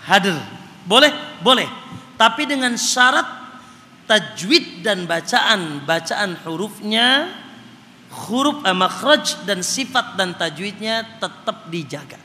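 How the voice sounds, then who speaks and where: A man's voice: high-pitched, sing-song, takes it slowly, bright, forceful tone. A man giving a Quran study lecture, speaking to his audience as Pak and chanting recitation examples. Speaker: religious teacher. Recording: hall reverb, faint noise.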